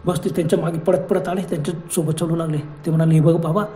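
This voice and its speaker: A man narrating a spoken horror story in a plain, unhurried way. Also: fairly high pitch, flat delivery, mellow, reverberant.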